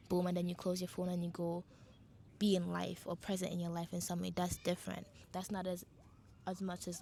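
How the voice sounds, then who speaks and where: Young Caribbean woman vlogger, husky fry, monotone delivery, faint noise behind. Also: fairly low pitch. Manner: candid, swears freely. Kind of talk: casual reflective monologue.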